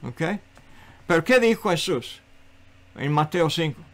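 Male preacher, unhurried sermon delivery, earnest and emphatic, voice on the higher side. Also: lively intonation. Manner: slow, earnest preaching with repetitions and rising emphasis.

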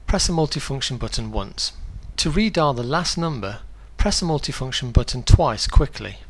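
A medium-pitched man reads a scripted instructional product guide, walking through it clearly, step by step.

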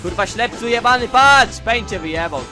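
A man's voice: very high voice, animated, normal speed, over music. A man giving gameplay commentary, ranting angrily and swearing constantly at the game. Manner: angry swearing rants at the game. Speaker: gaming channel host.

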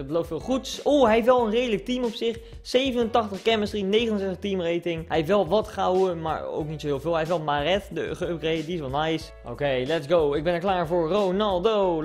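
Young man, gaming commentary, excitable, high voice, faint background music. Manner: excitable, swings from mutters to shouts. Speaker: gaming YouTuber. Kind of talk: live gameplay commentary.

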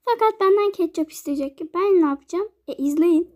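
A woman's voice: very high voice, brisk, darkish tone. A woman narrating a casual life-sim game video, chatty and playing out scenes with her characters. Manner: chatty, plays out scenes with dolls.

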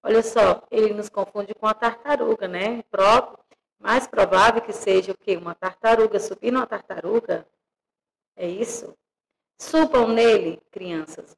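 A woman teacher giving an online grammar lesson to young children, speaking slowly and clearly and calling them affectionate names. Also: medium pitch, big-room sound, low-quality recording. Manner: slow and clearly articulated; warm, addresses children as "my loves". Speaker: primary school teacher.

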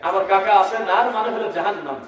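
High-voiced male preacher in an echoing hall. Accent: Bangladeshi Bengali. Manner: rhetorical, asks the crowd to answer back; chants verses in a slow melodic recitation. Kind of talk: sermon at a religious gathering. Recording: very echoey hall, speaker far from mic.

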